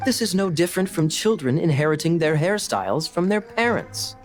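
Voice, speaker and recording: An actor playing a theatrical, scheming cavalry captain in a video game, dramatic and grandiose, with music behind him. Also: male voice, a little high, sing-song, a little fast. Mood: mock offended.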